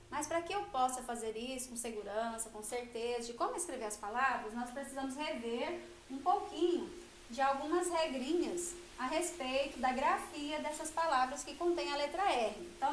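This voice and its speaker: Brazilian teacher, woman, high voice, patient and explanatory, echoey room with faint hiss. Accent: Brazilian Portuguese. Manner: patient, explanatory, stresses example sounds slowly. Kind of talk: children's grammar lesson.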